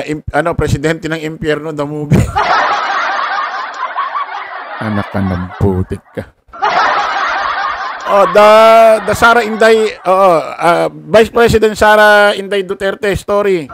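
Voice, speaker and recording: A man's voice: a little high, background noise. A man giving casual political commentary, rambling and forgetful, laughing often and tossing in salty asides. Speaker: online commentator.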